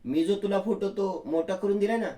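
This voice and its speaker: A man's voice: high-pitched, a little fast, dark tone, pitched above the performer's own voice, lightly acted. A man doing a teasing older mother-in-law. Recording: roomy echo.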